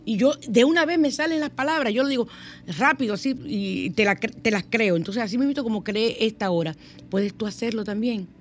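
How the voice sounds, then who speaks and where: A middle-aged woman hosting a spiritual self-help radio talk, speaking emphatically and repeating her key phrases. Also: mid-range voice. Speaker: radio host.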